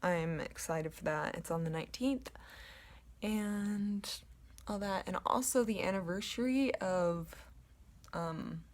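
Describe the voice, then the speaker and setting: A young woman vlogging casually at home to a camera, with a low voice and a rambling, chatty way of talking full of ums. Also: slow, darkish tone. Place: at home, indoors in her apartment. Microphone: camera in front of her.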